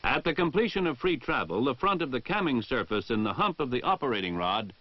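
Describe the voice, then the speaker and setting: An American man reads formal instructional narration reminiscent of a 1960 military training film, precise and measured in his enunciation, yet his mid-range voice has a sing-song lilt. There's no room sound, just a dull 1960 film soundtrack character.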